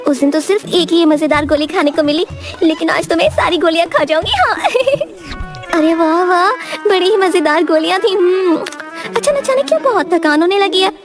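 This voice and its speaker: A woman's voice: extremely high pitch, lively intonation, moderate pace, over music, voice pushed up. A woman voicing a cartoon village wife who has turned greedy and ravenous, with an exclaiming, theatrical manner.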